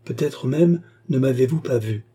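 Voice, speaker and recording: Man voicing a woman courtesan, impassioned, pleading, husky, very dark voice, audiobook. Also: medium pitch, normal speed, natural voice. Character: passionate remorseful woman courtesan.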